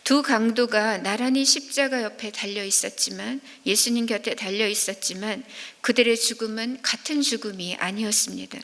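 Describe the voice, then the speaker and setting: A woman evangelist giving a sermon at a midweek prayer service, speaking in an earnest, measured preaching manner. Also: fairly high pitch, fairly bright tone. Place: church sanctuary. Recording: long reverb of a church hall.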